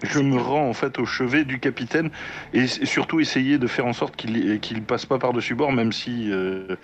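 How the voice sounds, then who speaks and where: A man's voice: mid-range voice, steady tone, normal speed, muffled recording. A man playing a tabletop role-playing game casually, polite and hesitant, often restarting his phrases.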